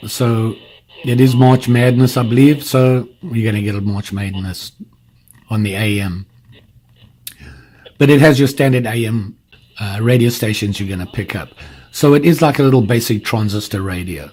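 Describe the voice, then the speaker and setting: On a poor-quality recording, a man with a darkish, mid-range voice talks at a moderate pace. He's a product reviewer giving a casual hands-on demo, explaining each step informally as he handles the device.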